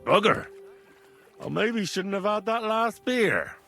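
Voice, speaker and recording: An actor playing a rough, cheeky young medieval adventurer who speaks coarsely in a video game. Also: male voice, high-pitched, expressive, takes it slowly, bright, forceful tone, faint music behind, full character voice. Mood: drunken. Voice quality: colloquial, coarse speech. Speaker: game protagonist.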